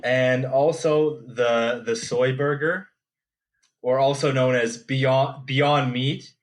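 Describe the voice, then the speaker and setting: A man in his thirties co-hosts a podcast in relaxed chat. He talks slowly and hesitantly, leaning on fillers and repeated words as he lines up his points. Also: medium pitch. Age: 30s. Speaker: podcast co-host. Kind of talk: casual chat.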